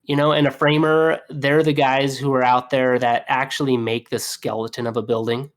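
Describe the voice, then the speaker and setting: A young man talks shop as a plumber on a podcast, loose and chatty, piling on "you know" as he tells his stories. His delivery is lively and animated, and he laughs easily. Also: medium pitch, normal speed. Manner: animated, laughing storyteller with fillers. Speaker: plumber guest. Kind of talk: casual storytelling.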